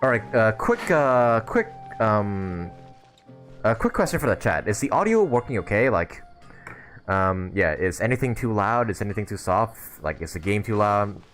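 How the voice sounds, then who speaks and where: Chatting casually with viewers as he plays a game, a man rambles and muses out loud in a very animated way. His voice sits fairly low with a fairly bright tone, his speed is normal, and game music plays underneath.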